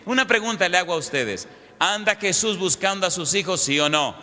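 A man's voice: high voice, animated, fairly quick, sharp tone. A man pastor telling a story in a sermon, emphatic and quizzing the congregation. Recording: echoey hall.

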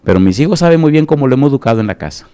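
A man's voice: mid-range voice, lively intonation, racing, mellow, clean tone. A middle-aged male pastor preaching a sermon, emphatic and firm, who keeps putting rhetorical yes-or-no questions to the congregation.

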